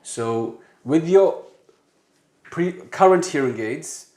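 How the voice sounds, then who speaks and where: Calm male clinician in a roomy room. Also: on the high side, slow pace. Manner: calm, guiding, asks short check questions. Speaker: hearing aid clinician. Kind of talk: explaining and testing a client.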